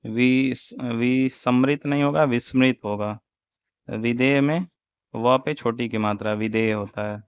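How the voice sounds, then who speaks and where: A man teaching Hindi spelling for an exam, slowly reciting wrong and correct forms one after another. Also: mid-range voice, clean tone, no echo. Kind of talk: exam-prep spelling lesson. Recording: dull, dry lo-fi audio.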